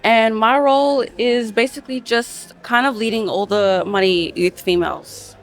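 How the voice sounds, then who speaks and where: A woman's voice: on the high side, moderate pace. A woman who leads young women in her community, answering an interview casually. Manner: casual, relaxed. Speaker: youth leader.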